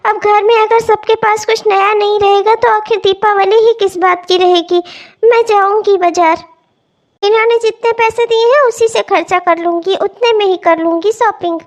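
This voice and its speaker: A young cartoon housewife who loves festival shopping, voiced by a woman. Her voice sits extremely high and thin, eager when she chatters and pleading when she sobs. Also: fairly even intonation, normal speed. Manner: sobbing, pleading. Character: young cheerful newlywed housewife, festival-loving. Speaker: cartoon voice actor. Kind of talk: cartoon voice acting.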